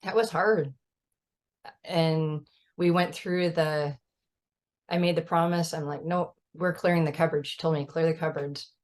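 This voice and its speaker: A woman's voice: deep voice, steady tone, unhurried, darkish tone. A mother of a child with type 1 diabetes, talking earnestly and emphatically in a casual chat over a video call, often adding "right?". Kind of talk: casual conversational storytelling.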